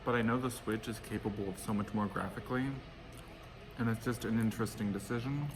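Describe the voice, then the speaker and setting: Low-voiced man chatting while eating fried chicken. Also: steady tone, fairly quick. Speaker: vlogger hosting an eating show. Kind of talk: casual mukbang chat to viewers. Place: outdoors by a pool. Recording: clearly noisy outdoor ambience.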